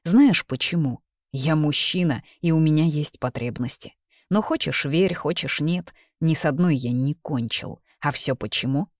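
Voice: medium pitch, measured pace, no room sound, studio quality, natural voice. A reader voicing a brash, possessive young man in a romance audiobook, speaking bluntly and coarsely. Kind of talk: audiobook character reading.

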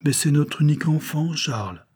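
A man voicing a gentle, elegant middle-aged noblewoman who pleads and reproaches in an audiobook. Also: a little high, expressive, moderate pace, slightly rough, voice pushed up. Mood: pleading. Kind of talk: audiobook character voice.

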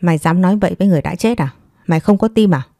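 A woman voicing a harsh, spiteful elderly mother-in-law who scolds quickly and loudly in a hoarse voice. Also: deep voice, no room sound, studio quality, lightly acted. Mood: furious. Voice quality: hoarse, thick voice. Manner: scolding, fast and loud.

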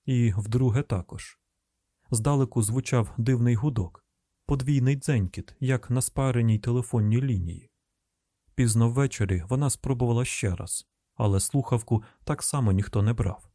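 Brief: male audiobook narrator, steady reading, mellow tone, dry close mic. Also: medium pitch, moderate pace, no echo. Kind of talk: scripted narration.

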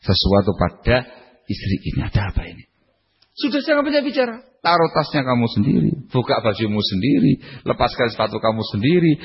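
Animated preacher in an echoey hall. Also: male voice, breathy edge. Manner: animated, swings between loud high bursts and low quiet asides. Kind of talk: sermon. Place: lecture hall. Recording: echoey hall, muffled lo-fi recording.

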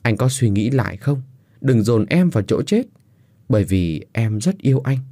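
A man's voice: mid-range voice, animated, moderate pace, mellow, dry recording, clean studio sound. A man voicing a desperate, heartbroken young wife who pleads through tears. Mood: pleading, tearful. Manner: tearful pleading, raised voice.

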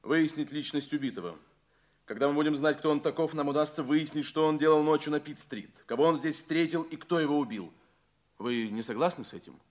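A man's voice: on the high side, brisk, close to an everyday voice. An actor playing a plain, practical male police inspector, businesslike in manner, in a radio play. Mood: brisk. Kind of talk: Russian radio play acting.

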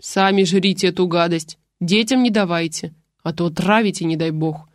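A woman voicing a coarse old grandmother who scolds in a slow, booming bass. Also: no room sound, clean studio sound, lightly acted. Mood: scornful.

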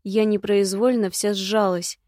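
A woman narrates an audiobook in a measured, scripted reading. Her voice sits at a middle pitch and stays flat and even. The recording is dry, with no room sound. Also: no echo.

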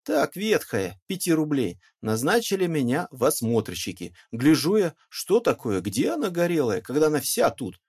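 A man shouting as a furious aggrieved peasant. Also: a little high, sing-song, moderate pace, hardly any pauses, breathy edge, voice pushed up. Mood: indignant ranting. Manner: shouting, ranting, bitter. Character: loud aggrieved middle-aged peasant man, indignant. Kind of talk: audiobook character reading.

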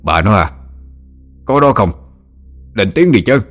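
A gruff, fretful old village man grumbles and scolds in a deep, low voice, as a male narrator puts him on. He sounds impatient and a little set apart from the plain narration. Faint music plays under this storybook reading. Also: moderate pace. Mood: grumbling.

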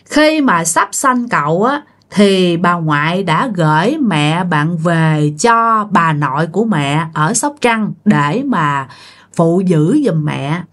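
A woman's voice: on the low side, lively intonation, takes it slowly, fairly bright tone. Woman telling a story. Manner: conversational, addresses listeners directly. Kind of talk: spoken ghost-story narration.

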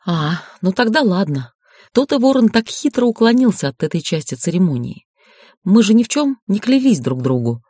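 A woman reading an audiobook, voicing a sharp-tongued young heroine who speaks in an ironic, skeptical way. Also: medium pitch, very animated, normal speed, no room sound, clean studio sound.

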